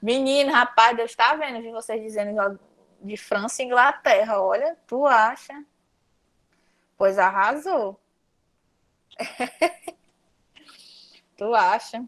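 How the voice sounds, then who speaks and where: A young woman from Ceará with a Cearense Brazilian accent gives a casual online lesson on a video call. Her voice sits a little high, and she talks to her students in a lively, chatty way, calling them "galera". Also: measured pace, long pauses. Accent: Cearense Brazilian Portuguese. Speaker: teacher.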